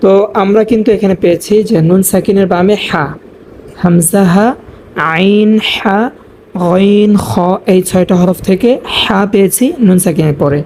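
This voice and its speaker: A woman teaching Quran recitation, spelling out each letter and vowel mark deliberately and chanting verses in long, drawn-out tones. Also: medium pitch, a little mellow, slight background noise.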